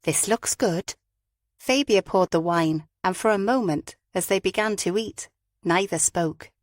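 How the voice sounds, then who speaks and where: A woman reads a novel in an even, measured storytelling voice at a middle pitch. The recording is close and dry, with no room sound. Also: no echo. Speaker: audiobook narrator. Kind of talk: scripted audiobook narration.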